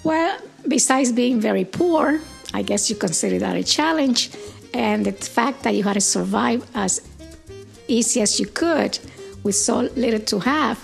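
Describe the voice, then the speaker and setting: An older woman in her seventies with a deeply gravelly, creaky voice that sits a little high. She recalls her life unhurriedly, pausing now and then to find the words, with soft music faint behind her. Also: expressive. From Puerto Rico. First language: Spanish. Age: 70s. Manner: gentle, unhurried, with thoughtful pauses and "uh"s. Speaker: interviewee, grandmother. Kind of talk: reflective storytelling.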